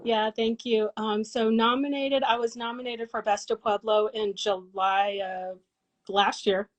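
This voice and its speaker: A woman's voice: fairly high pitch, steady tone, a little slow, rough recording. A woman in her forties from Colorado, a massage therapist and business owner, talking in a casual interview in an earnest, reflective way with many fillers and restarts. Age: 40s.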